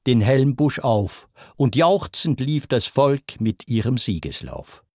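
A man's voice: medium pitch, a little mellow, dry recording, clean studio sound. A man reciting an epic poem, declamatory and rhythmic. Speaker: narrator. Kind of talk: dramatic verse recitation.

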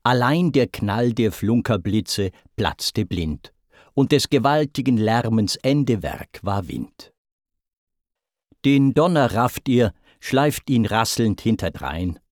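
A man recites epic verse slowly and theatrically, his voice rising and falling through a wide, animated range. The sound is dry and close to the mic, with no room around it. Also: medium pitch, dry recording. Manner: measured, theatrical recitation with swelling emphasis. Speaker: narrator. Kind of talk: dramatic reading of German epic verse.

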